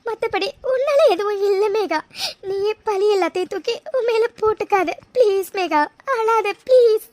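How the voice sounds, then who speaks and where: A woman voicing a gentle young female friend in a cartoon, soothing and pleading. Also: extremely high pitch, normal speed. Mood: comforting. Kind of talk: cartoon voice acting.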